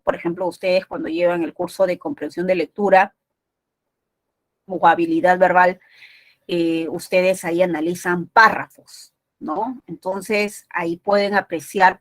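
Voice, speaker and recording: A woman's voice: on the low side, dry recording. Woman teacher with dry close sound. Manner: explanatory, frequent tag questions. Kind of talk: pre-university exam prep lesson.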